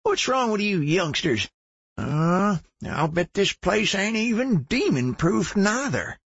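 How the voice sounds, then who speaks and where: A man's voice: sits high, very animated, takes it slowly, creaky, fairly bright tone, husky, no echo, pitched above the performer's own voice, heavily acted. A man voicing a crazy, cranky old redneck survivalist who scolds in a drawl. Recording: dull lo-fi recording.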